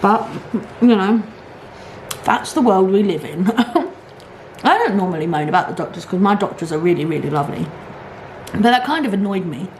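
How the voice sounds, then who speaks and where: A middle-aged woman vlogs in a casual, chatty style with an animated, grumbling manner. Her voice sits at an average pitch. The room is echoey, with some noise in the background. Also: normal speed. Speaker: mukbang vlogger. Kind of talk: casual chatty rant to camera.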